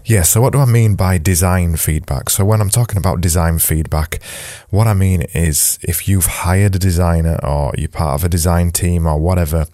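A man's voice: deep voice, fairly even intonation, normal speed, mellow, dry recording, clean studio sound. A man hosting a solo podcast, talking casually and correcting himself as he goes, sounding slightly nasal from a blocked nose. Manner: rambling, self-correcting, conversational. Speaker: podcast host.

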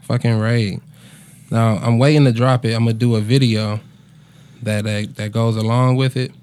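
A man's voice: mid-range voice, little pitch movement, moderate pace, a little mellow, clean tone. A man in his twenties, a musician chatting casually in a laid-back, slangy bro manner with plenty of swearing. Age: 20s. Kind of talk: casual conversational storytelling.

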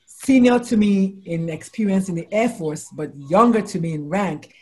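At normal speed, a woman of 40-plus who is a doctor and life coach in the United States chats casually during an interview. She tells animated stories and acts out quotes in high exclamations.

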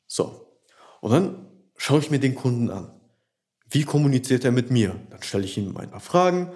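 A man's voice: medium pitch, very animated, brisk, darkish tone. A man talking as a dating coach in a blunt, direct coaching monologue, speaking right to the listener. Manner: blunt, addresses the listener as du, repeats "und, und, und".

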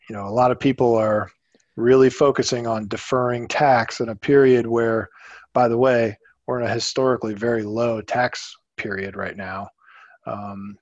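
A man's voice: medium pitch, dry recording. Man, podcast co-host, casual explaining, trailing-off delivery, muffled lo-fi, dry. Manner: explanatory, trails off quietly, many "you know"s. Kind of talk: casual financial podcast talk.

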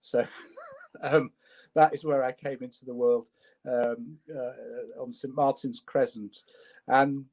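A man's voice: mid-range voice, steady tone, slow, darkish tone. Man from Leeds telling his story. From Leeds, England. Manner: stammering repeats, wry and self-deprecating. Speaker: interview guest, entrepreneur. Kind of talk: conversational storytelling.

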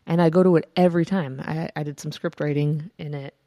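A woman's voice: low voice, steady tone, brisk, mellow, dry recording. A woman co-hosting a podcast, telling a rambling story in casual chat and swearing freely. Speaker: podcast co-host.

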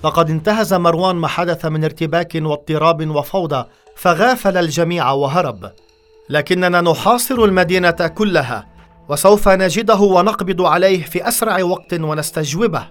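A man's voice: fairly high pitch, fairly quick, fairly bright tone, voice pushed up, lightly acted. A man voicing an anxious security officer with a slightly raised voice, hesitant and apologetic toward his superior. This is an audiobook scene with faint music underneath. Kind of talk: audiobook dialogue.

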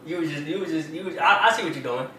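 A man's voice: a little high, rapid-fire, reverberant, recorded from a distance, noisy background. A man co-hosting a podcast in casual banter, joking and laughing often. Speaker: podcast co-host.

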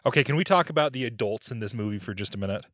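Animated, wry man with a lively voice. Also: medium pitch, very fast, dry recording, clean studio sound. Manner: animated, wry, critical, puts on quoted voices. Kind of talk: casual movie discussion.

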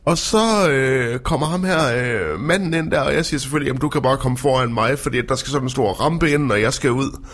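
A man's voice: mid-range voice, hardly any pauses. A male radio host chatting casually and telling an anecdote with frequent laughter. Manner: lively storytelling, laughs often.

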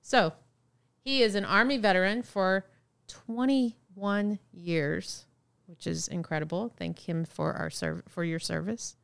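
Smooth-voiced woman co-hosting a podcast. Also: mid-range voice, slow, dry recording. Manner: playful teasing, laughs a lot. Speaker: podcast co-host. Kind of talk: casual chat.

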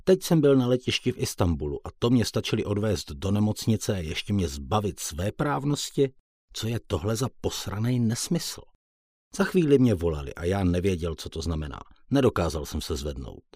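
A man with a deep, husky voice narrates a first-person audiobook in a plain, colloquial way. The recording is dry and close, with no room sound. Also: sing-song, darkish tone, no echo.

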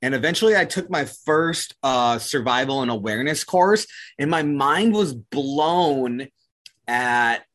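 A man speaking as a podcast guest in a relaxed, laid-back way, often saying "like". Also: medium pitch, measured pace. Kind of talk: casual conversation.

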